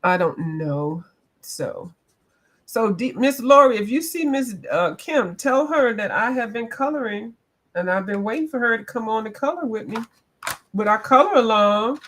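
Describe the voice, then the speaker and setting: Coloring live for her viewers, this eastern U.S. woman reads out their comments, chats casually, and laughs a lot, playfully slipping between accents. She sounds animated, with a fairly bright voice on the high side and a moderate pace.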